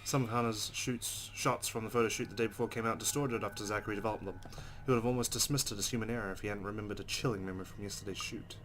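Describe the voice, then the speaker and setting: With hardly any pauses, a let's play host whose voice sits on the low side reads visual novel text very fast, adding his own offhand reactions. Loud background noise holds steady throughout.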